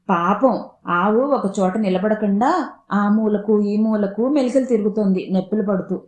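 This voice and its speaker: A woman telling a humorous family story in the first person with lively narration. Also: medium pitch, roomy sound.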